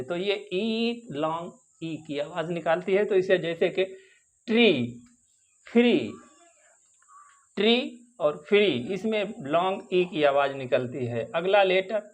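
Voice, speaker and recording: Slow, high-voiced man teaching phonics. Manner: slow, drawn-out, repeats example words. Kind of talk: phonics lesson.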